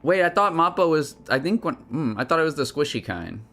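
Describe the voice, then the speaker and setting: A man's voice: fairly high pitch, sing-song, brisk, vocal fry, a bit bright. A man co-hosting a live stream in casual chat, rambling and interrupting himself as he talks. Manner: rambling, chatty, self-interrupting. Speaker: stream co-host.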